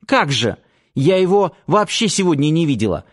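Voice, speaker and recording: A man's voice: fairly high pitch, very animated, moderate pace, pitched above the performer's own voice. A man reading an audiobook, voicing a defiant, fiery teenage girl with a raised, pouty voice. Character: stubborn fiery teenage girl, red-haired.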